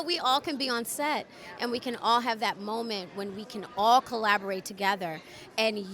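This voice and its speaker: A woman's voice: fairly high pitch, sharp tone. A woman actor giving an emphatic answer in a red carpet interview.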